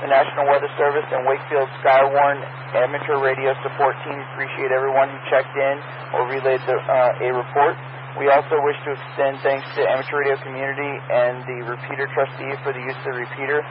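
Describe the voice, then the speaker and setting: A man working as amateur radio net control, halting with fillers, heard over a ham radio with static. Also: mid-range voice. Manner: flat and halting, with many fillers. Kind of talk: radio net procedure and casual on-air chat. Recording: muffled radio transmission with loud static.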